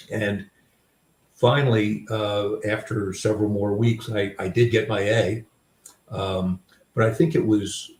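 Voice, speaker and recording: A man's voice: on the low side, darkish tone, roomy sound, far from the mic. An older man and author, telling candid, self-deprecating personal stories in a reflective way, with many restarts. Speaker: author and guest.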